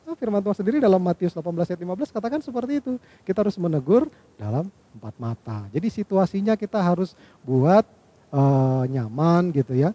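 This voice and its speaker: A man with a slightly raised, mellow voice delivers a devotional lesson to young listeners. He talks patiently, counting off numbered points and checking in with his audience as he goes. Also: a little high, husky. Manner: patient, lays out numbered points, ends phrases with "ya" and "gitu ya".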